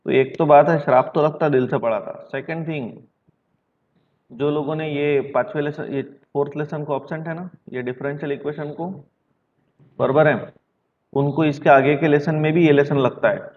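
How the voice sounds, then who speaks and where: A man with a fairly high pitch and a steady tone, speaking at normal speed, gives a stern online math lecture. He comes from Maharashtra, India, scolds and repeats himself, and uses English math terms, all captured in dull lo-fi audio.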